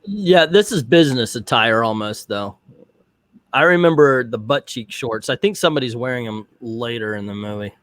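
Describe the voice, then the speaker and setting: Man, mid-pitched voice, rambling casual movie commentary, close dry mic. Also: expressive, normal speed, fairly bright tone, no room sound. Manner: rambling, chatty, frequent fillers and laughs. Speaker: host of a movie commentary show. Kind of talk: casual live watch-party commentary. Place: home, Central Florida.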